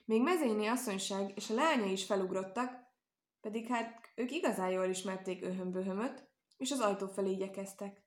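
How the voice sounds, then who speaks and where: Woman narrator, children's tale, calm even delivery, reverberant room. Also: mid-range voice. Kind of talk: storybook reading. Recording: roomy echo.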